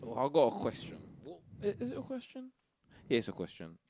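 A man's voice: mid-range voice, wildly swooping pitch, fairly quick, a little mellow, slight background noise. A young man with a London street accent, chatting and debating casually in heavy slang. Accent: London, urban street.

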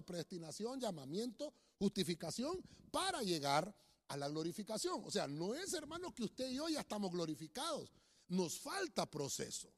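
A male pastor preaching a sermon in a church, with sudden loud emphasis and slow, drawn-out phrases. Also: high voice. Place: church, streamed online. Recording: echoey church hall.

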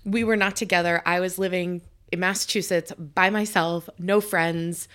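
A woman's voice: on the low side, steady tone, moderate pace, a bit bright, clean tone. A woman hosting a podcast from her home kitchen, telling stories in a chatty way full of fillers and restarts. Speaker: podcast host. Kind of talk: casual chat.

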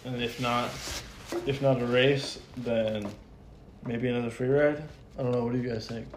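A man's voice: mid-range voice, fairly even intonation, moderate pace. A man chatting casually in bro-ish slang. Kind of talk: casual chat. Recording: echoey room, faint noise.

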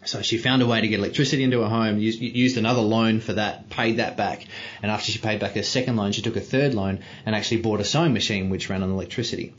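A low-voiced man speaks as a podcast guest, telling stories in a thoughtful, searching way with plenty of fillers. The recording sounds a little dull and lo-fi. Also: fairly even intonation, fast. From Australia. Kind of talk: reflective storytelling.

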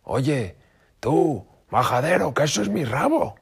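Un hombre narrador que da voz a un zorro macho enfadado e irascible, con voz aguda y gritona. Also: male voice, very animated, moderate pace, husky, exaggerated voice. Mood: angry. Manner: shouting, high-pitched, irritable. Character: cranky angry male fox, hot-tempered.

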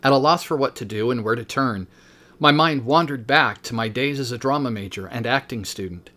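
A man's voice: medium pitch, fairly quick. Man in his fifties reading his book. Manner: steady reading with brief spoken asides. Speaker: teacher and podcast host.

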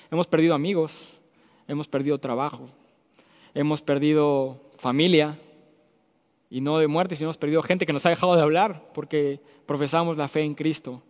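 A man with a Mexican accent giving an earnest sermon with personal testimony, going from loud to soft. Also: fairly high pitch, steady tone, quick pace, big-room sound, dull audio. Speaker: preacher.

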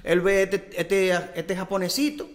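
A man, hosting and telling an animated anecdote, acting out the quoted dialogue. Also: high voice, unhurried, long reverb tail. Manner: excited storyteller, acts out quoted dialogue.

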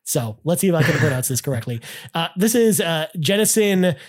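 A man's voice: on the high side, lively intonation, a little fast. Chatty man co-hosting a game podcast. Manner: enthusiastic, many restarts and "I mean". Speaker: podcast co-host. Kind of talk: casual chat reading listener comments.

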